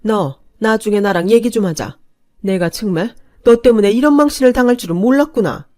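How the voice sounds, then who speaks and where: A woman's voice: mid-range voice, lively intonation, normal speed, no room sound, studio quality, close to an everyday voice. A woman doing a stern scolding mother-in-law. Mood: angry. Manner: scolding, indignant. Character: stern, angry middle-aged mother-in-law.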